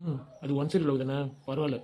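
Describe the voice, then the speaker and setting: A man's voice: mid-range voice, flat delivery, brisk, dark tone, muffled recording, close to an everyday voice. A man voicing a troubled young male college student in a cartoon, earnest and weary. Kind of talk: cartoon voice acting.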